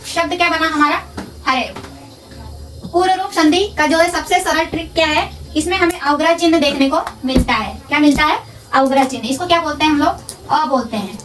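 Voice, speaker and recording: A woman teaching a grammar lesson, asking questions and answering them herself, repeating terms slowly. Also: sits high, a bit bright. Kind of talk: classroom-style lesson. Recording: distant from the mic.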